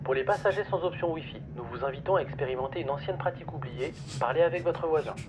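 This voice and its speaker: A man voicing a mock airline pilot who makes calm, formal cabin announcements over the intercom, in a noisy clip played on a stream. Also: on the high side, fast, highs cut off. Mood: deadpan formal. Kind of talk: parody in-flight announcement.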